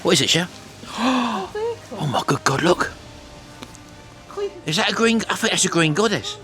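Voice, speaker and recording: A middle-aged man hosts a casual walk-and-talk vlog, chatting briskly with his viewers in a high voice full of lively intonation. Music plays behind him.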